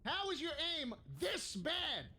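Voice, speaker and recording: A man's voice: very high voice, very animated, slow, very noisy, full character voice. A man voicing an exasperated, wry young adventurer in a cartoon. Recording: cartoon soundtrack with music behind.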